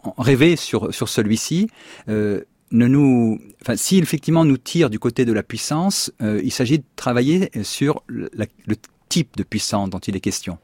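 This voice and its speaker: A man speaks as a guest philosopher on a radio discussion show. His voice is low and is recorded dry and close. He talks haltingly, with many restarts, while he searches for his words. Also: darkish tone, dry recording.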